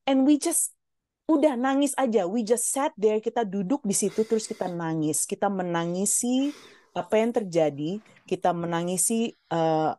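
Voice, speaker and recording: A woman's voice: medium pitch, moderate pace, warm tone, no echo. A woman giving a heartfelt personal faith testimony as a guest speaker, slipping English phrases in and often addressing the listeners as ladies.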